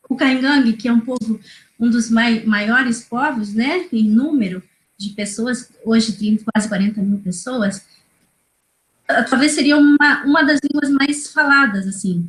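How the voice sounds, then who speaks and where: A Brazilian woman in her thirties, a native Kaingang speaker, talks as a guest educator on a laptop video call from a small indoor room, hesitant and full of fillers and tag questions. Her voice is a little high and unhurried, with roomy call audio.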